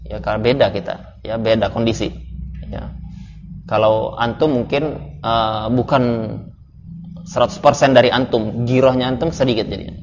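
A man's voice: mid-range voice, fairly even intonation, normal speed, long pauses. A male religious teacher telling chatty stories with laughs during an informal study lesson, in a dull, slightly noisy recording. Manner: chatty storytelling with laughs and asides. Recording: dull lo-fi recording, faint noise.

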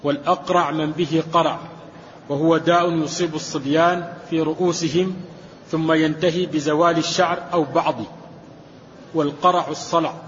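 A man's voice: on the high side, slight background noise. Man reading a classical text aloud in a hall. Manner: steady measured recitation of the text. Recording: dull recording with long hall reverb.

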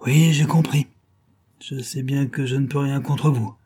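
A man's voice: mid-range voice, level tone, normal speed, warm tone, breathy edge, voice pushed up, lightly acted. A man voicing a detective in disguise who pretends to be beaten and resigned, in a storybook reading. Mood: dejected. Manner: subdued, resigned. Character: male detective feigning dejection.

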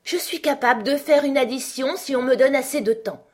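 A woman reading an audiobook, voicing a muddled, fussy queen who rambles in gentle, dithering explanations. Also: high-pitched, fairly quick, voice pushed up.

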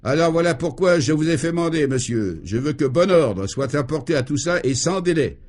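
A man's voice: a little high, lively intonation, moderate pace, darkish tone. A man voicing an irascible, blustering male governor in a radio play, bellowing in sputtering tirades. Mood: furious. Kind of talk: 1950s radio play acting.

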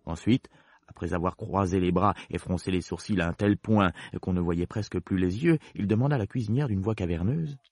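Deep husky storytelling man. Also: darkish tone, no room sound, studio quality. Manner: measured, storytelling. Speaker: narrator. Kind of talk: storybook narration.

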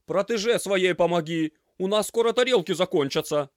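A man's voice: high-pitched, normal speed, no room sound, clean studio sound, pitched above the performer's own voice, natural voice. A man voicing a stout, mustached head chef who barks orders across a busy kitchen in an audiobook. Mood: shouting orders. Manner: barking orders. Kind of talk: audiobook character voice.

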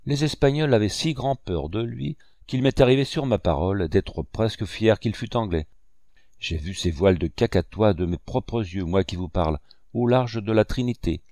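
A man's voice: lowish voice, warm tone, no room sound, studio quality. A man reading as a blustering, haughty old-world squire. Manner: exclaiming, grandiose. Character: big hot-tempered haughty English squire.

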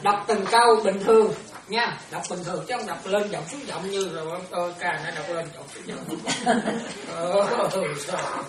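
A woman's voice: fairly low pitch, unhurried, crowd noise. A woman teaching in a Buddhist talk, chatty, often checking whether listeners follow and laughing now and then. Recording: echoey room, distant mic, noisy.

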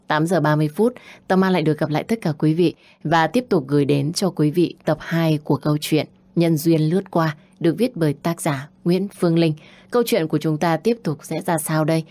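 A woman narrating an audio story in a formal, measured manner. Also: low voice, darkish tone, no room sound.

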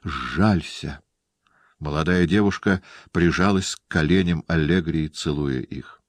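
A male audiobook narrator with a very deep voice, reading in a measured, steady way. The sound is close and dry, without any room. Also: no echo. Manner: measured storytelling. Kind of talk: scripted narration.

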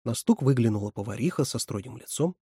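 Expressive husky male audiobook narrator. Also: mid-range voice, fast, no room sound, clean studio sound. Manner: expressive, animated reading.

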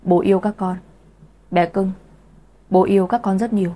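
A woman's voice: mid-range voice, fairly even intonation, moderate pace, natural voice. A woman reading a doting young husband. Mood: tender. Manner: soft, doting. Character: tender devoted young husband.

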